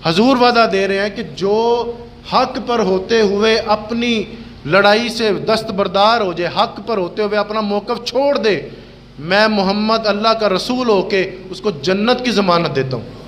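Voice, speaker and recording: A middle-aged male preacher tells a religious story in an impassioned, chatty sermon style. His voice sits fairly high for a man. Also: fairly bright tone. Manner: impassioned, colloquial storytelling with acted quotes. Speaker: Islamic preacher.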